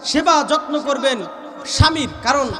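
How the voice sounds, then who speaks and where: A man from Bangladesh with a Gaibandha Bengali accent, preaching a waz sermon that he shouts and breaks into slow chanted verses, calling on the crowd to repeat after him. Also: very high voice, echoey room, long reverb tail. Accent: Gaibandha region Bengali. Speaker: Islamic preacher.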